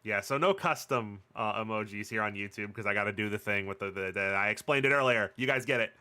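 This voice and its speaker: A game streamer hosts a livestream, chatting casually and rambling, joking and swearing as he goes. His voice is lowish, sharp and smooth, and he talks at a quick pace.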